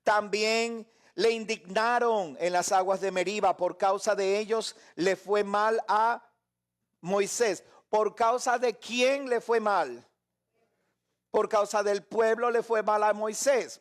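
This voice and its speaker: A man preaching a live Bible lesson, animated, acting out voices and joking with his listeners. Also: high voice. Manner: animated, acts out voices and shouts; jokes and laughs with listeners.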